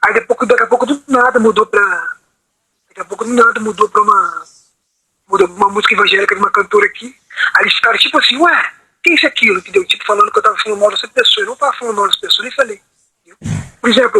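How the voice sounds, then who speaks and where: A man with a high voice fires off words rapidly, sounding pushed and bright with a breathy edge. He's a meeting participant on a video call, rambling through a long story about himself and repeating "entendeu?" after nearly each phrase. The recording is dry and rough.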